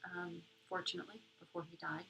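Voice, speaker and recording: Female meditation leader, lowish voice, gentle and unhurried, faint music underneath. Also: level tone, vocal fry, low-quality recording. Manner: soothing, unhurried, with long pauses between short phrases. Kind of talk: guided meditation in a soft, gentle spoken delivery.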